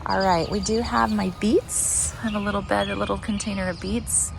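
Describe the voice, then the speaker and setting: Strolling through a backyard vegetable garden for her vlog, a woman chats and muses out loud as she shows it off. She speaks at a normal speed with a medium-pitched, creaky voice and fairly even intonation, over noisy outdoor ambience full of birds.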